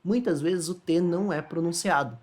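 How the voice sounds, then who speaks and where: Brief: male Brazilian Portuguese speaker, relaxed online English tutor, talks casually, stops to check understanding, slows for example phrases. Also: fairly high pitch. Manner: chatty, asks checking questions, slows to demonstrate English phrases. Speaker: English teacher. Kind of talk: casual explanatory lesson.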